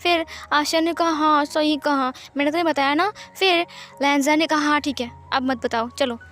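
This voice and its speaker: A woman narrating a romance fanfiction, reading every character's lines in her own gentle voice. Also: high-pitched, steady tone, normal speed, soft background music. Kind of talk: storytelling narration with character dialogue.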